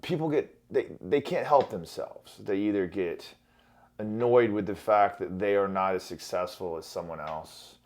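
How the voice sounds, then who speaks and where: A man's voice: lowish voice, normal speed, darkish tone. A man in his forties, a gym owner and jiu-jitsu coach, talking casually and candidly on a podcast, swearing freely and joking at his own expense. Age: 40s. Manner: candid, profane, self-deprecating.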